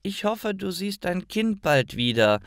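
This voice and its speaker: A man's voice: sits high, sing-song, a little slow, no echo, clean studio sound, voice pushed up, full character voice. A man voicing a curious, kind little girl who asks earnest, pleading questions in a storybook for learners.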